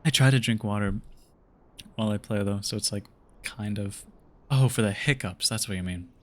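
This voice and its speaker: This streamer is a young man whose voice sits on the low side, talking at a normal speed. He keeps up relaxed, wandering chatter with his viewers as he games, stumbling through fillers and restarts.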